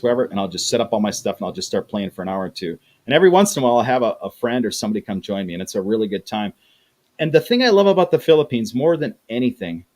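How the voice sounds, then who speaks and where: A chatty man hosts a casual livestream, reading chat in a mid-range, slightly mellow voice. He tends to repeat words and acts out the voices he quotes.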